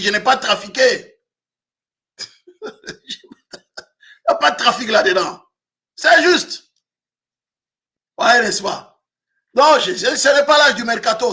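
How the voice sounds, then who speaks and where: A man in his fifties, a pastor from Africa, preaching a sermon with frequent shouted emphasis. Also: very high-pitched, animated, normal speed, pauses often. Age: 50s.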